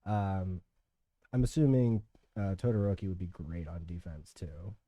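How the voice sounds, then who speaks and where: A man's voice: low-pitched, steady tone, moderate pace, no room sound, highs cut off. A man chatting out of character at a tabletop game, thinking aloud with hesitant restarts. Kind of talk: casual chat out of character.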